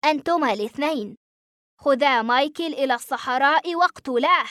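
A woman's voice: high voice, a little fast, pushed and bright, dry recording, clean studio sound. A woman voicing a cold, ruthless male rebel general who gives curt orders. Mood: cold commanding. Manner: curt, commanding.

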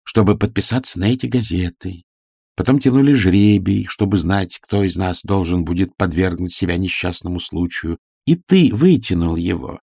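A man's voice: low voice, normal speed, vocal fry, darkish tone, dry recording, clean studio sound. A man voicing an agitated, scheming man who pleads with an old friend in a shaky voice. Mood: anxious.

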